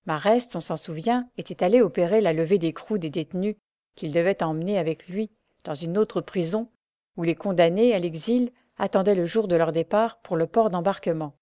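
Brief: woman audiobook narrator, measured storytelling, warm tone, dry recording. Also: fairly low pitch, no room sound. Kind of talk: audiobook narration of a classic novel.

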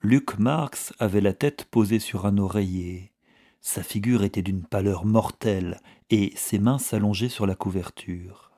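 A man narrates a novel in a measured, even way. His voice is husky and dark, pitched somewhat low. The reading keeps a steady storytelling pace.

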